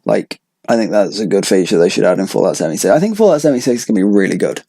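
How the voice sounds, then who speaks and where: A man's voice: on the low side, sing-song, racing, gravelly, warm tone, breathy edge. A young man co-hosting a podcast, chatting casually and rambling with lots of hedging fillers. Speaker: podcast co-host. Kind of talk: casual chat.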